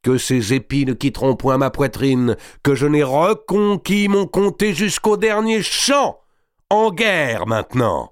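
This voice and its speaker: A man voicing a giant, burly medieval count who is boisterous and booming in a storybook reading. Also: big pitch swings, unhurried, no room sound, clean studio sound. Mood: commanding. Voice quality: booming, shouting. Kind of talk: audiobook character voice.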